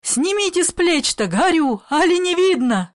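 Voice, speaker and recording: A woman voicing a stern old grandmother who pleads in a hush and shouts firm orders, in a dry storybook reading. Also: on the high side, expressive, unhurried, no room sound. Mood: shouting orders. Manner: whispering pleas, then firm shouted commands. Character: old grandmother, fearless yet afraid of cockroaches.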